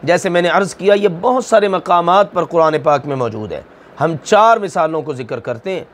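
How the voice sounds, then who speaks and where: A man teaching a Quran recitation class, explaining slowly and deliberately, asking and then answering his own questions, and drawing out recited examples syllable by syllable. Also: a little high, expressive. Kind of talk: recorded tajweed lesson.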